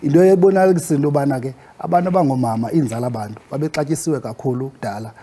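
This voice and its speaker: A man with a Xhosa accent speaks as a guest explaining in a formal, respectful manner. His voice is quite fast, with a soft, dark tone and a husky edge. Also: mid-range voice. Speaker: guest expert on Xhosa customs. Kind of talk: interview talk.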